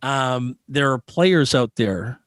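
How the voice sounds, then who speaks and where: Being interviewed conversationally, a Canadian sports arena PA announcer speaks earnestly and emphatically, repeating phrases to stress them. His mid-range voice is expressive and fairly bright, and he takes it slowly; the studio-quality recording has no echo.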